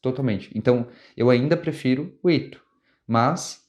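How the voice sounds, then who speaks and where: Speaking at a normal pace in a mid-range, slightly mellow voice, this young man hosts a comics review channel with a Brazilian Portuguese accent. His delivery is casual, full of restarts and rephrasings.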